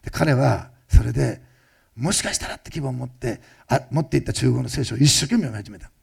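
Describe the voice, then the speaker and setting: A male pastor giving a fast-paced, conversational sermon that often turns to ask the listeners questions. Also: medium pitch, vocal fry, breathy edge. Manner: fast-talking, admits rushing. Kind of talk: sermon testimony.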